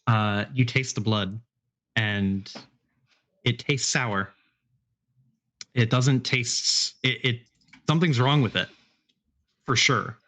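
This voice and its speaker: A man running a tabletop game as game master, giving rulings in a relaxed, matter-of-fact way. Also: mid-range voice, takes it slowly, pauses often.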